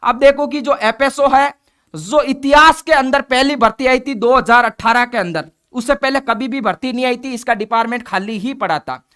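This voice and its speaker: A man's voice: extremely high pitch, normal speed, bright, forceful tone, smooth. A man, an exam coaching teacher speaking bluntly and directly to his viewers in a conversational update talk.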